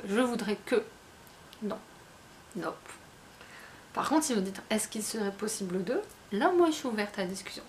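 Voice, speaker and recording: A woman's voice: a little high, a little hiss or hum. A woman chatting casually, rambling with many fillers and restarts. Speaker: book vlogger. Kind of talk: casual chat.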